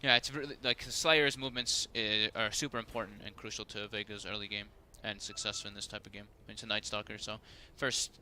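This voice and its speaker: A man giving analytical esports color commentary, talking fast with many fillers like "like" and "you know". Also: on the low side, flat delivery, sharp tone, slight background noise.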